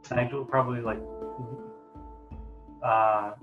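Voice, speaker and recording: A man playing in a tabletop game who jokes and gets excited. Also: mid-range voice, takes it slowly, narrow, tinny audio, over music. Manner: joking, excitable. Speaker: player. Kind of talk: tabletop role-play.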